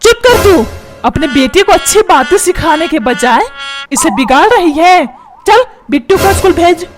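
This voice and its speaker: A woman's voice: high voice, lively intonation, measured pace. A woman voicing a stern, short-tempered cartoon father who scolds and threatens his son. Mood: angry. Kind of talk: cartoon dubbing. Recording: loud background music. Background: loud music.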